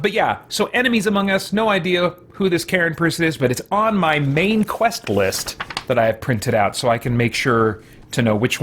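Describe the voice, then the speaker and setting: A man hosting a game livestream talks casually through his play in a mid-range voice, with slight background noise behind him. He tends to ramble, self-correct often, and make fun of himself.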